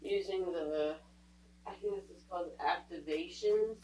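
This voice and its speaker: Unhurried and darkish in tone, this fairly low-pitched woman reads tarot in a relaxed, chatty way, thinking out loud despite a stuffy cold. A faint hum runs underneath, and she sounds slightly far from the microphone.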